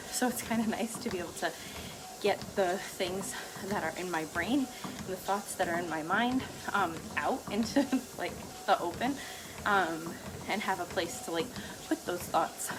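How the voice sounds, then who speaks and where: A woman's voice: lowish voice, noisy background. A woman talking casually and ramblingly to herself as a vlogger while walking on a treadmill, often breaking into light chuckles. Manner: laughs lightly between phrases. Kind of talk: casual rambling solo talk.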